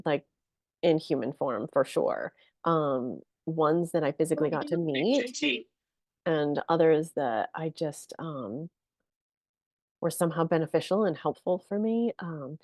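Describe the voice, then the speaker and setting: A woman guest on a podcast, telling a long personal story in a casual, animated way with lots of fillers and laughter. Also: low-pitched, measured pace, no room sound, clean studio sound. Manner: animated, chatty, many fillers, laughs often.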